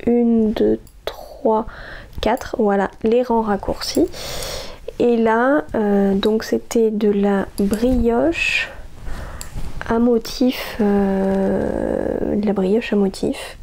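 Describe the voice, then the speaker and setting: A woman's voice: fairly high pitch, fairly even intonation, drawn-out words, gravelly, mellow. A woman, chatting casually about her knitting projects as host of a crafting podcast, hesitant, with many fillers and restarts.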